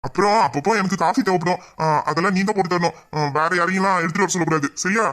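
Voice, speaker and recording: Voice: mid-range voice, rapid-fire, a bit bright, lightly acted. A performer voicing a teasing young man, a bossy boss and doting suitor, in an audio drama. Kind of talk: Tamil audio drama acting.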